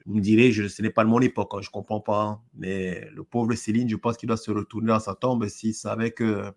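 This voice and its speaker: Scornful low-voiced man reviewing lyrics. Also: little pitch movement, brisk, creaky, a little mellow. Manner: scornful, sarcastic, leans on "n'est-ce pas" and hesitant fillers. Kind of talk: critical spoken review.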